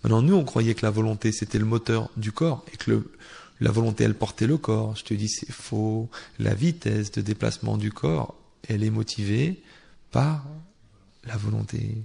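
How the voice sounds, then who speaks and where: A man teaching a Torah class who argues with imagined objections and swings from quiet asides to loudly recited Hebrew verses, with a teasing tone. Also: lowish voice, normal speed, vocal fry, husky. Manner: joking, teasing tone with listeners. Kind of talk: Torah class to a live audience.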